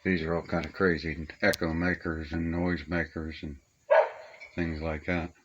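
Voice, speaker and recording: A muffled, very noisy recording carries an older man's low, level voice, which moves a little slowly. He's a radio hobbyist reminiscing casually over his collection, using plainspoken, folksy talk and homespun grammar, in a small upstairs room being stripped to the studs.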